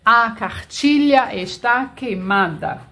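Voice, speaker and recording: A woman's voice: a little high, slow pace, fairly bright tone, a little hiss or hum. A woman teacher, dictating sentences word by word and spelling out letters. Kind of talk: slow dictation lesson.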